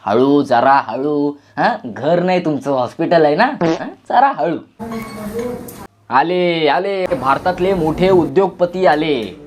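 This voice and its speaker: A man's voice: a little high, expressive, slow pace. A man giving a mocking, teasing voice-over on a vlog's footage, with music playing behind him. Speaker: vlogger narrating over footage. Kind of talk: sarcastic comic voice-over.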